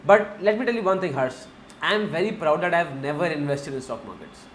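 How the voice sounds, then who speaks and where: A man's voice: a little high, lively intonation, fast, a bit bright, reverberant, a little hiss or hum. A man with an Indian accent teaching a finance class, mixing Hindi into his English, repeating key points and asking the class questions.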